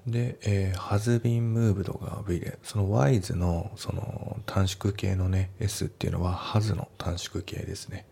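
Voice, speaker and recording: A man walks through an English practice question in a relaxed, chatty teaching manner, with plenty of fillers. His voice sits very low and gravelly, with a mellow, dark tone. A faint hiss runs under the recording. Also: a little slow, few pauses. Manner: relaxed, explanatory, many fillers. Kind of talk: casual lesson walkthrough.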